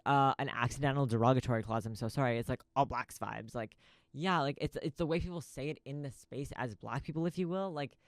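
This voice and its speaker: A man's voice: medium pitch, vocal fry, no room sound. A man hosting a podcast in a small recording studio, rambling through a profane, stream-of-consciousness info dump. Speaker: podcast host. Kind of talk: casual rambling monologue.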